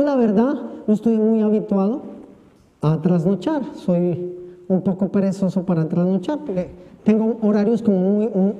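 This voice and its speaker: A priest giving a homily during Mass, telling a humorous personal story and acting out the voices of the people in it. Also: male voice, sits high, warm tone, big-room sound, dull audio.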